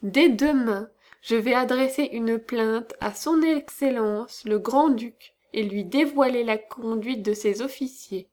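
A woman's voice: a little high, takes it slowly, hardly any pauses, a little mellow. A woman playing a pompous indignant magistrate. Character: pompous frightened male provost, a magistrate.

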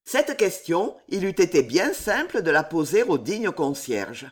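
A reader narrating a historical novel as an audiobook, in a measured, expressive way. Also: mid-range voice.

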